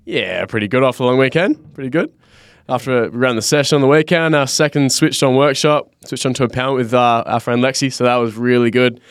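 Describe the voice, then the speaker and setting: Man, broad Australian accent, young adult, clean smooth voice, dry close sound, casual slangy co-host. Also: mid-range voice, fast talker, no room sound. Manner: laid-back, matey, slangy. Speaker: podcast co-host. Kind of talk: casual podcast chat.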